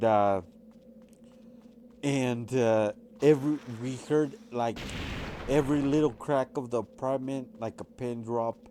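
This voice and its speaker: A gaming channel host, a man, comments over gameplay while casually telling rambling personal stories full of fillers and restarts. His voice is medium-pitched with a dark tone, and there is slight background noise.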